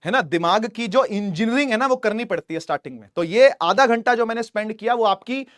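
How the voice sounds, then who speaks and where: A man's voice: high-pitched, expressive, a little fast, a bit bright, no room sound, clean studio sound. A man teaching a physics class online, chatty and repetitive, often checking that students follow. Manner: chatty, addresses students as beta, repeats "theek hai".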